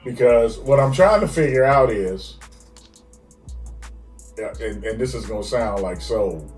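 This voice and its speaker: Male podcast co-host, animated stammering rant, echoey room with faint music. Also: mid-range voice, unhurried, far from the mic. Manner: animated ranting with frequent stammered restarts. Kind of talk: casual chat.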